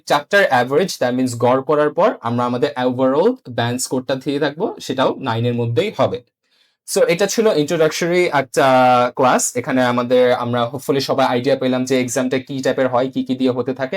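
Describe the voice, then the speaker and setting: A man teaching a beginner exam-prep lesson, explaining patiently and often repeating himself, with English terms mixed in and frequent "uh" fillers. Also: mid-range voice. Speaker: IELTS teacher.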